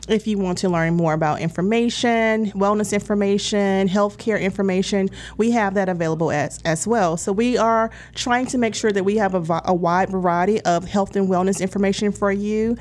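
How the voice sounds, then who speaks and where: A woman's voice: medium pitch, moderate pace, hardly any pauses, darkish tone. A woman in her forties, a wellness coordinator on a talk show, explaining her programs in a friendly way with some fillers. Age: 40s. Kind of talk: casual radio talk.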